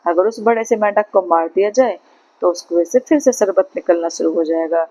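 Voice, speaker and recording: A woman's voice: fairly low pitch, a little fast, mellow, dry recording, natural voice, low-quality recording. A woman voicing a grumpy sleepy demon. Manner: short-tempered demands.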